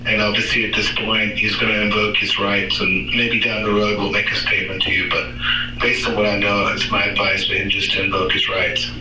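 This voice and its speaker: A man, a defense attorney, speaking over a speakerphone in a polite, measured, professional way. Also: fairly low pitch, level tone, sharp tone. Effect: heard over a speakerphone. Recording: speakerphone in interrogation room, distant, roomy, noisy.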